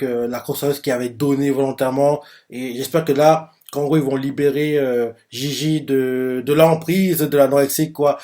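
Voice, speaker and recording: A man's voice: mid-range voice, a little mellow. A man reading a manga chapter aloud and reacting in a casual, rambling way, full of fillers.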